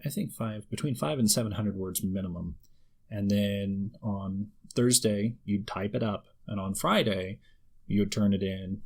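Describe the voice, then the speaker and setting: A man in his thirties with a lowish, husky voice talks casually as a guest. He rambles and often restarts his sentences. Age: 30s. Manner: rambling, repeats words when starting sentences. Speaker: guest writer. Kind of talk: casual conversation.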